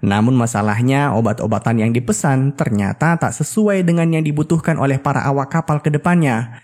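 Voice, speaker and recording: A man's voice: medium pitch, fairly quick, a little mellow. Man narrating a film recap. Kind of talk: scripted storytelling narration with casual asides.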